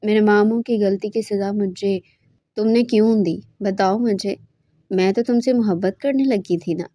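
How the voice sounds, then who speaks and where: A desperate young woman, voiced by a woman storyteller begs and pleads to be believed. The tone is soft and mellow. The sound is dry and close. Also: mid-range voice, dry recording, close to an everyday voice. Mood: pleading. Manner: pleading, begging.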